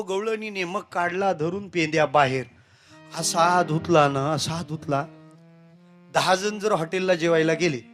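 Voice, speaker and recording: High sharp guy preaching a story sermon, lively, acts out the characters. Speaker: kirtan preacher.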